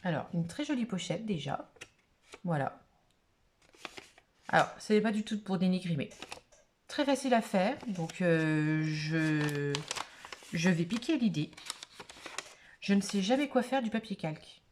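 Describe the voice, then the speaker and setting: A woman's voice: fairly low pitch, expressive, measured pace, pauses often, a little mellow, a little hiss or hum. A woman vlogger opening craft mail in a casual chat to camera, gushing and exclamatory, full of little fillers.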